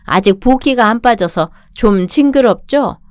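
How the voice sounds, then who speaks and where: A woman's voice: fairly high pitch, lively intonation, moderate pace, darkish tone, no room sound, clean studio sound, lightly acted. A woman voicing a meek, hurt mother-in-law in her sixties in a radio drama, pleading and self-pitying.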